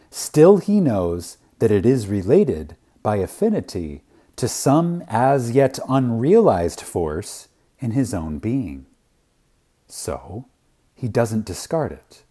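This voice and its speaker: A very animated, husky-voiced man reads a spiritual lecture dramatically. His pitch ranges widely, his pace is very slow with deliberate pauses, and his phrases fade softly at the ends, all delivered reverently and with lots of emphasis.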